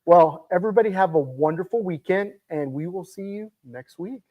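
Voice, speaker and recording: A man's voice: high voice, lively intonation, moderate pace, phone-quality sound, noisy background. A man co-hosting a local morning talk show, chatting easily and saying "y'all" and "um" a lot. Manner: easygoing, chatty, says y'all and um often. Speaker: co-host. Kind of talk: casual chat.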